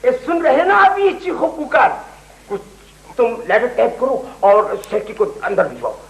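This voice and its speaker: A fawning flustered clerk. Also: male voice, very high voice, very animated, moderate pace, fairly bright tone, heavily acted. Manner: obsequious, rattled, endless "ji huzoor". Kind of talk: 1980s TV comedy acting. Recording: roomy old TV studio sound.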